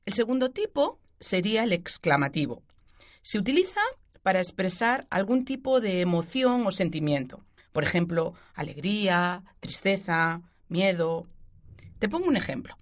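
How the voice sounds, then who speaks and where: A woman teacher, explaining a grammar point clearly and giving spoken examples on a radio show. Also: medium pitch, sing-song, normal speed. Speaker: Spanish language teacher.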